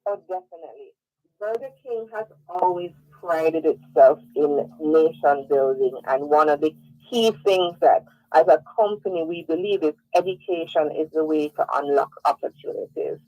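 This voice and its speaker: A woman's voice: sits low, moderate pace, mellow, no echo, muffled recording. A woman, a company sales and marketing head, explaining a program in a businesslike way as a radio guest. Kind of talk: radio interview.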